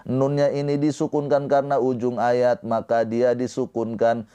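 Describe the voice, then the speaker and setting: A man teaching Quran recitation rules in a slow, patient lesson, chanting verse phrases and then explaining them. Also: medium pitch, flat delivery, mellow, clean tone, highs cut off. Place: live-streamed lesson.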